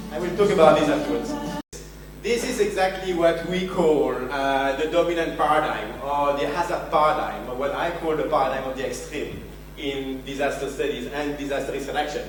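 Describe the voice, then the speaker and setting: With music in the background, a French-accented man from France talks fairly quickly in a fairly high voice. He's the keynote speaker at a large conference venue, joking and self-deprecating with the crowd, heard through a distant mic in a very echoey hall with a faint hum.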